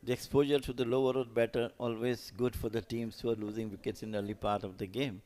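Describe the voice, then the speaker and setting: A man's voice: mid-range voice, flat delivery, quick pace, a little mellow. A man commentating live on cricket, offering loosely phrased, explanatory analysis of play and players.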